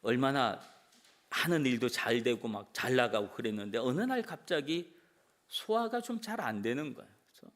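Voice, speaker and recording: A man's voice: mid-range voice, animated, normal speed, a bit bright. A male pastor giving a sermon in church, telling stories with emphatic, rising peaks.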